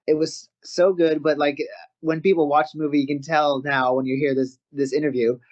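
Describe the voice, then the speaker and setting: A man's voice: a little high, normal speed. A man with a Canadian accent, a wrestler guest telling stories in a casual interview and often laughing as he talks. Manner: animated, laughs often mid-story. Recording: slightly muffled audio.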